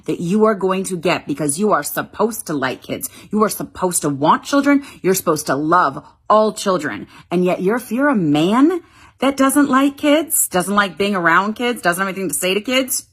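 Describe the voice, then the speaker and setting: A woman's voice: medium pitch, animated, moderate pace, breathy edge. A woman speaking candidly and emphatically to camera, with mocking asides. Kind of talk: opinion monologue to camera.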